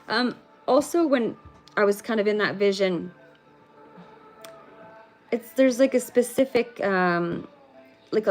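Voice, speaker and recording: A woman giving a livestreamed spiritual card reading in a rambling, casual way, swearing freely. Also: medium pitch. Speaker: spiritual reader.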